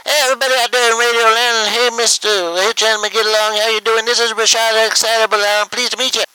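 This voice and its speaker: A man playing an excitable, talkative male radio caller. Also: high-pitched, fast, smooth, no room sound, low-quality recording. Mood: excited. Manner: bouncy, talkative.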